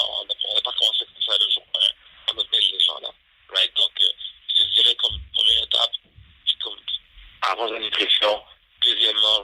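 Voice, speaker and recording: A man's voice: lowish voice, gravelly, bright, forceful tone, breathy edge. A man, a fitness coach answering interview questions over the phone, repeating himself and tagging lines with "right?". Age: 30s. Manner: repetitive, peppers talk with "right?". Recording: phone line.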